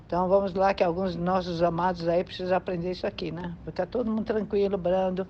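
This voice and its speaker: A fast-talking Brazilian preacher with a lowish, level voice addresses her congregation conversationally, often seeking their agreement. Her accent is Brazilian Portuguese, and the sermon comes through in muffled lo-fi quality with slight background noise.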